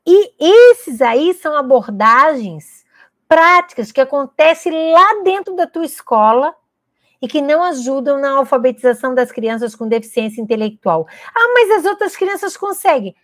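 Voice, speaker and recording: A Brazilian woman educator with a slightly high voice gives an emphatic teaching talk, putting rhetorical questions to parents and teachers and answering them at once. The recording is dry and close, with no room sound. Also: dry recording. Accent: Brazilian Portuguese.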